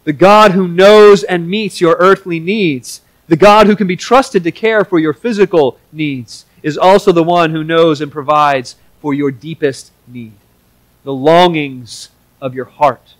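A man's voice: on the high side, unhurried, hardly any pauses. A male pastor preaching a sermon with a slightly raised voice. He talks in an earnest, conversational way and sometimes restarts his phrases. The sound is dry and close, with little room echo.

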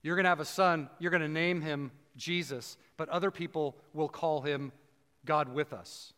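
A man preaching a conversational sermon, dropping low and slow for emphasis. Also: fairly even intonation, a bit bright, clean tone, big-room sound. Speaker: pastor.

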